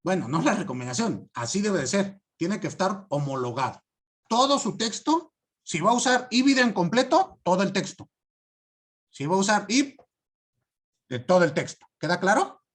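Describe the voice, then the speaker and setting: A man giving a class lecture, stressing key words and often asking students if it is clear. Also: high voice, big pitch swings, moderate pace, a bit bright. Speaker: law teacher.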